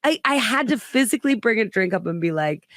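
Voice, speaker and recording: A woman hosting a podcast tells a long story in loose, casual chat, packed with fillers and voices for the people she quotes. Her pitch sits in the middle for a woman. The sound is dry and close. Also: expressive, a little fast, fairly bright tone, no echo. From United States. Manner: rambling storyteller, many "like" fillers, acts out quotes. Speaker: podcast host and comedian.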